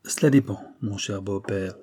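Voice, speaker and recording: A man's voice: fairly low pitch, normal speed, darkish tone, husky. A man voicing a witty, nonchalant middle-aged French aristocrat who turns declamatory, in an audiobook. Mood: wry.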